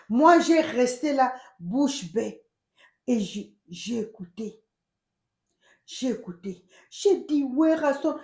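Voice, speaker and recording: A high-pitched woman with a Congolese accent hosts her channel from the United States, delivering emphatic, animated casual commentary that moves between French and Lingala. The room is echoey and the audio sounds dull.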